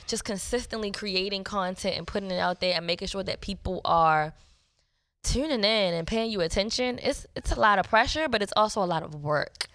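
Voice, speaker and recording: A woman's voice: medium pitch, a bit bright, no room sound. A woman in her thirties co-hosting a casual podcast, chatting about family and work with plenty of fillers. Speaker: podcast co-host. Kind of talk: casual chat.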